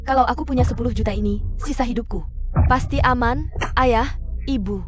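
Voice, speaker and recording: Brief: woman voicing a two-faced adopted daughter, sweet and high, venom underneath, dubbed mini-drama. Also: a little fast, lo-fi sound, soft background music, close to an everyday voice. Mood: cold mocking. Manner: sugary coaxing turning cold and mocking.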